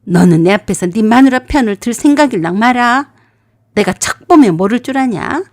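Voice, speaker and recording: A woman's voice: mid-range voice, expressive, moderate pace, no echo, clean studio sound, lightly acted. A woman voicing a harsh, scolding middle-aged mother-in-law in a storytelling radio drama. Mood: furious. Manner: sharp, scolding, shouting.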